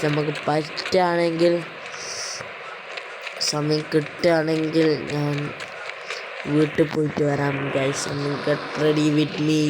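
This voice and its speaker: A woman chatting casually as a vlogger, mixing English words into her talk and often addressing viewers as guys. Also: low voice. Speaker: vlogger giving a showroom tour. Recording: loud car and engine noise.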